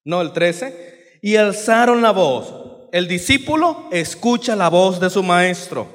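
A man preaching a sermon, dramatic, moving between loud outbursts and quiet asides. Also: high-pitched, lively intonation, slow, big-room sound.

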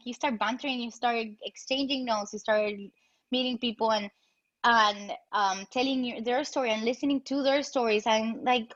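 An earnest woman with a fairly high voice tells her own story in a loose, rambling way, circling back with fillers and restarts. The audio is a little dull and lo-fi. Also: fairly bright tone. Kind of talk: casual heartfelt conversation.

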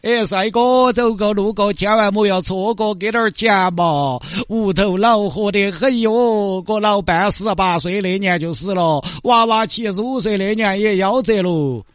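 A man's voice: high-pitched, measured pace, hardly any pauses, no room sound, studio quality. A man voicing a stubborn old female beggar with a Sichuan accent, taunting and brash. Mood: mocking. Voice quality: brash, taunting dialect banter.

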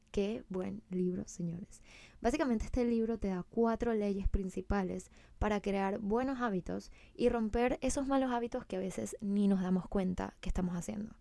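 A young woman hosts a casual solo podcast in a mellow voice with plenty of vocal fry. She is chatty and emphatic, slipping English words into her talk. The sound is close and dry, with no room to it. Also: medium pitch, no echo. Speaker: podcast host.

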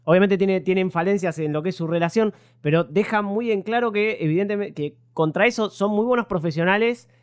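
A man's voice: high voice, fairly quick, hardly any pauses, clean tone, no room sound, clean studio sound. A man discussing a film casually on a podcast, talking at length with frequent restarts. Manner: talkative, hesitant with frequent restarts.

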